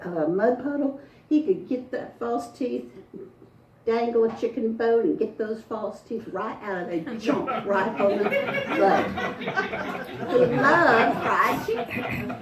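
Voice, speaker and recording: A woman's voice: on the high side, warm tone, a little hiss or hum. A woman storyteller, telling a folktale to a live audience in a folksy, dramatic way. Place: front porch event. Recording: echoey, distant mic, faint ambience.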